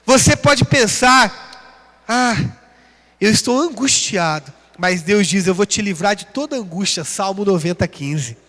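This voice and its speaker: Man preaching a sermon, Brazilian Portuguese accent, high voice, emphatic rising delivery, long church hall reverb. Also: animated, unhurried, a bit bright. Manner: rising emphatic call-and-response preaching, reading scripture references. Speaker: pastor.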